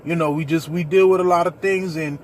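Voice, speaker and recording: A man's voice: fairly high pitch, steady tone, brisk, slight background noise. A man leading a ministry, talking earnestly and preacherly straight to his viewers about his own experience. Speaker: ministry leader. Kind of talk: personal testimony vlog.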